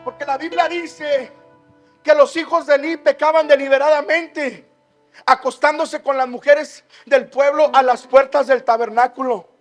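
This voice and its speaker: A man preaching with a Mexican Spanish accent, calling everyone "brother" and swinging from hushed asides to loud, shouted points. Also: very high voice, steady tone, a little slow, soft background music. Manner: calls listeners "hermano" constantly, swings from hushed to shouting. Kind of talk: sermon.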